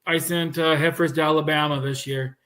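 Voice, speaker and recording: Thirties cattle breeder, man from Canada, slightly high pitch, easygoing rambling chat. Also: brisk. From Manitoba, Canada. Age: 30s. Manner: relaxed rambling with restarts. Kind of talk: casual chat.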